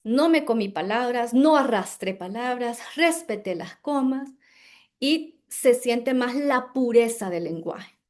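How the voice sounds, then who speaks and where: Higher-voiced female diction instructor; emphatic, careful teaching delivery. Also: lively intonation, darkish tone. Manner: emphatic, demonstrates words slowly and carefully. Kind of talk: teaching a workshop on pronunciation.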